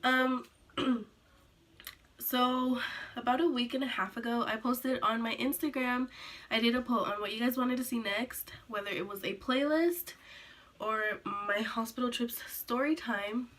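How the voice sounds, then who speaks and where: A teenage girl telling a sit-down story to her camera, rambling with lots of "like"s and restarts, a little hoarse from being sick. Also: on the high side, fairly even intonation, measured pace, a bit bright. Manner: rambling, filler-heavy, many "like"s and restarts. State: recovering from illness, coughing. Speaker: vlogger.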